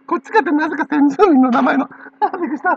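A woman's voice: sits high, fairly quick, a little hiss or hum. A woman with a Kansai accent talking in a rambling casual monologue, laughing often between phrases, on a dull lo-fi recording. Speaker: channel owner.

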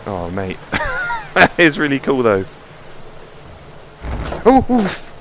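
With a mid-range, sing-song voice at a measured pace, a man plays a horror game on the floor at home and comments live for his VR gameplay channel. Background noise is present as he jumps, curses and laughs nervously.

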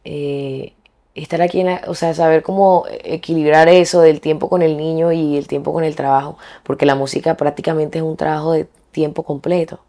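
A young woman from Colombia, a singer being interviewed, talking frankly and colloquially, pausing and restarting as she thinks. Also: sits low, steady tone, dark tone. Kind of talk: candid interview conversation.

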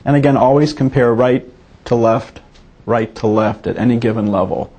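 A man's voice: mid-range voice, moderate pace, a little mellow, slightly rough. A man teaching a medical exam as a physician, talking students through each step in a methodical, explanatory way.

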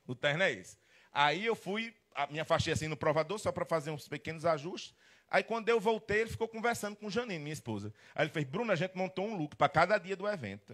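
A man's voice: on the high side, a bit bright. A man giving a humorous storytelling lecture as a marketing consultant, acting out both sides of the dialogues. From Rio Grande do Norte, Brazil. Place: restaurant event hall.

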